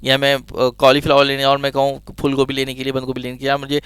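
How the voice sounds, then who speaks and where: A man's voice: medium pitch, completely flat delivery, fast talker, fairly bright tone, smooth, no echo. A man giving a chatty science lesson, full of jokey asides and digressions. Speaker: teacher. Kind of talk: casual explanatory lecture.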